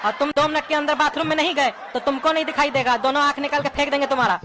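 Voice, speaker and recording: A woman's voice: high voice, steady tone, very fast, natural voice. Woman playing a bossy scolding dad. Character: strict scolding father during a fast. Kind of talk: comedy skit acting. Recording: background music under voice.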